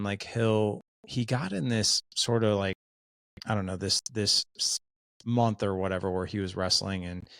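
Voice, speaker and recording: A man's voice: fairly low pitch, gravelly, fairly bright tone, dry recording. A man in his forties, a podcast guest, telling candid stories in a loose, casual way full of "like" and "dude.". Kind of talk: casual storytelling chat.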